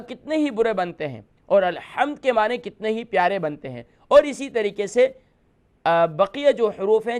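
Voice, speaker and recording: Brief: male TV teacher, high-pitched voice, patient and repetitive, demonstrates each sound on a studio mic. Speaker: host teaching letter pronunciation. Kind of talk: televised call-in lesson.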